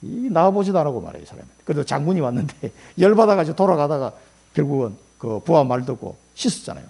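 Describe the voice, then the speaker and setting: A man's voice: fairly high pitch, sing-song, fast, gravelly, warm tone, slightly rough. A middle-aged male pastor preaching a sermon in a colloquial storytelling way, acting out quotes as he goes.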